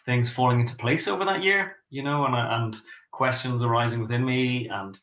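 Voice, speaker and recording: A man's voice: mid-range voice, normal speed, a bit bright. A middle-aged Irish man from Dublin, a pastor and author, answering interview questions with many ums and restarts. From Ireland. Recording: echoey, dull lo-fi sound.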